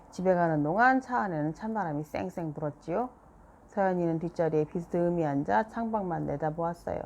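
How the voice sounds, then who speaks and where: A woman narrating a children's storybook aloud in a calm, even manner. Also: lowish voice, creaky, slight background noise. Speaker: storybook reader. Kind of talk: children's book read-aloud.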